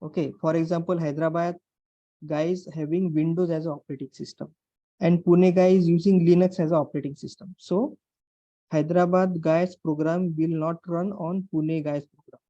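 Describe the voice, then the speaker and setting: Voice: medium pitch, fairly even intonation, normal speed, mellow, no echo, muffled recording. An instructor with an Indian English accent teaching an online class step by step, repeating phrases and checking understanding with questions. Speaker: programming instructor. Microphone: online class call microphone.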